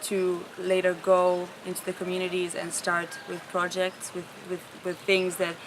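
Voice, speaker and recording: A woman's voice: lowish voice, monotone, moderate pace, background noise. A woman in her twenties from Spain, answering interview questions earnestly as a summit participant. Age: 20s.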